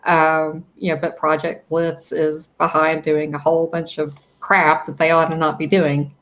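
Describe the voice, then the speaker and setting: A woman co-host with a fairly low voice, coming through dull, lo-fi online audio. She chats in an easygoing, laugh-prone way. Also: completely flat delivery, unhurried, fairly bright tone. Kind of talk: casual chat.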